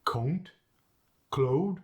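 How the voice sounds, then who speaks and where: Cocky and instructive, a man plays a boastful master of Scottish dialect, demonstrating sounds with emphatic swagger in a comic lesson. His voice sits high, swinging broadly in pitch, and his pace is a little slow.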